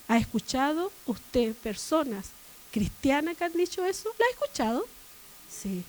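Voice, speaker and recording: Female preacher, very high voice, sermon delivery with emphatic repetition, church setting. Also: rough recording. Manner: rising to loud emphatic repetition.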